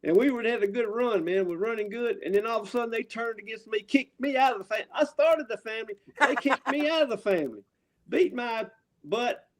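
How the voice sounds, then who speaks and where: A man's voice: extremely high pitch, lively intonation, a little fast. A man with a Southern US accent talking casual, profane wrestling trash as a guest, rambling and riled up. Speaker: wrestling promotion owner, show guest.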